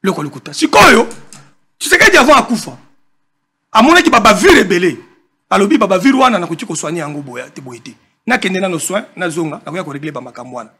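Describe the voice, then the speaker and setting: A high-voiced man with a husky edge talks politics with fire. His tone is bright and sharp as he hammers his points home, repeating phrases for emphasis. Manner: animated, emphatic, mixes French and Lingala. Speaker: political guest. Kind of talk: impassioned political talk.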